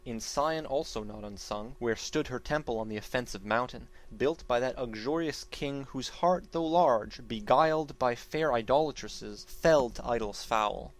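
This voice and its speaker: A man with a mid-pitched voice reads epic verse in a theatrical, stage-actor manner. His delivery is solemn and deliberate, with emphatic swells that drop into quieter phrase endings. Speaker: narrator reading an epic poem. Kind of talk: dramatic reading of archaic epic verse.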